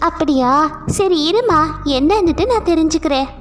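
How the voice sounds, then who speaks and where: A woman's voice: very high-pitched, animated, moderate pace, soft background music, voice pushed up. A woman voicing a sweet, stubborn little girl in a cartoon story, eager and coaxing. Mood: eager, kind.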